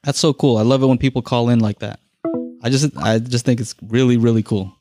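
A male podcast host with a mid-range voice and a relaxed, rambling delivery full of "you know" and "man". The recording is dry and close to the mic, with no room reflections. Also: mid-range voice, brisk, no room sound, soft background music. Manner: easygoing, laughing, filler-heavy. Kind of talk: live call-in podcast chat.

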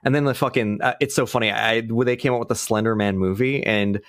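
A man chatting casually as a podcast guest. He swears freely and tells stories with lively energy. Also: on the low side, fast, dry recording, clean studio sound. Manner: swears freely, laughs easily, animated storytelling. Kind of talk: casual chat.

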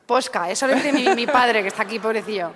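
A young woman from co-hosting a podcast, teasing and interjecting quickly in casual chat. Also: fairly high pitch, a bit bright. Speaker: podcast co-host. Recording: long hall reverb, faint noise.

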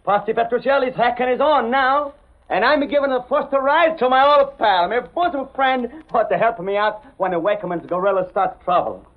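An actor playing a brash, scrappy little cab driver with an American accent, wisecracking in mangled slang, old-time radio acting. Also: male voice, very high-pitched, moderate pace. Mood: cheeky. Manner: mangles big words, wisecracking street slang. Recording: muffled vintage radio recording.

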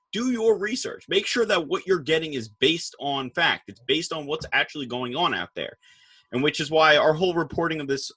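A man with a bright, husky voice hosts a political talk show. He talks in an animated, casual way and slips into quoted voices when he retells arguments. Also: on the high side. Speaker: show host.

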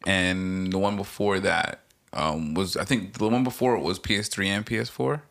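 A man's voice: deep voice, normal speed, vocal fry, fairly bright tone. A man in a casual podcast chat, talking as a co-host in an informal, slangy, sweary way.

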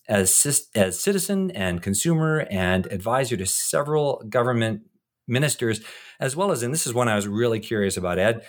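A man with a mid-range voice co-hosts an interview podcast. He introduces and questions guests informally, in a somewhat halting, wordy manner.

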